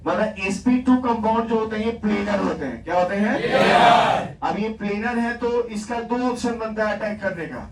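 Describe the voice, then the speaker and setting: A man lecturing a classroom on chemistry, his voice sitting high as he fires questions and answers them himself, repeating the key words. He is caught from across an echoey room by a distant mic. Steady background noise runs under everything he says. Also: a little fast, hardly any pauses, a crowd in the background. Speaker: chemistry teacher.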